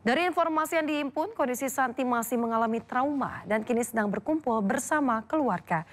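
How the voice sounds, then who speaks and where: A female news anchor reads the day's stories in a formal, measured studio delivery. Her voice sits a little higher than most women's. She speaks straight to the audience at home. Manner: formal, addresses viewers directly. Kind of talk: scripted news reading.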